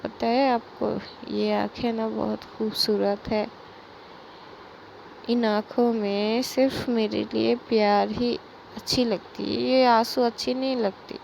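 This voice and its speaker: A woman voicing a tender, clingy young woman, speaking slowly and gently. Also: a little high, little pitch movement, gravelly, slight background noise, low-quality recording.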